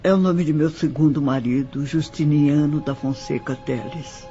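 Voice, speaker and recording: A man with a Brazilian accent voices a sorrowful nineteenth-century widow reminiscing about her life in a scripted audio drama monologue, slow, measured and formal. His voice is on the high side, warm and natural, with fairly even intonation. The recording is slightly muffled, with background music underneath.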